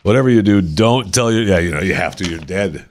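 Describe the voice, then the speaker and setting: A man's voice: deep voice, animated, brisk. Jokey man riffing on news. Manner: jokey, laughs often, does mocking quoted voices. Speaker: co-host of a news chat show. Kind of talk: casual banter reading odd news stories.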